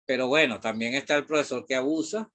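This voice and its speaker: A middle-aged Venezuelan man speaks as a math teacher in a casual, digressive classroom talk. His pitch sits in an ordinary middle range, and he loops through fillers and mild curses as he goes. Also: fast talker, fairly bright tone. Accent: Venezuelan Spanish. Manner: rambling, digressive, with frequent fillers and mild swearing.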